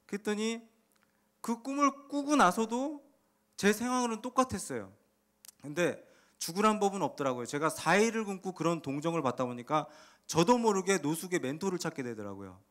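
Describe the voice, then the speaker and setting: A man giving a humorous testimony about his life, telling it with lively comic timing. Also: sits high, moderate pace. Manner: animated, humorous storytelling. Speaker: testimony speaker.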